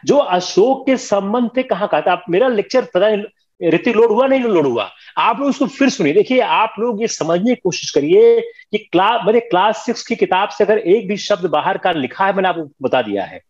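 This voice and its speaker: Brief: older male lecturer, high lively voice, stern classroom manner, dull lo-fi recording. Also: moderate pace. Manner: firm, scolding, mixes Hindi with English. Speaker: history teacher.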